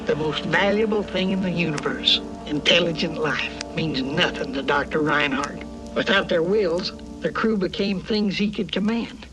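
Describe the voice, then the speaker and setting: An actor playing a battered old robot, weary and loyal, with a folksy old-timer way of talking, in a storybook dramatization. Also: male voice, a little high, moderate pace, music in the background, lightly acted, low-quality recording. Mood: grave, revealing.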